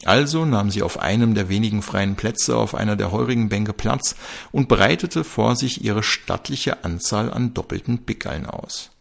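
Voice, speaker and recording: Man, calm crime-story narration, low-pitched, gravelly. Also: moderate pace. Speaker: audiobook narrator.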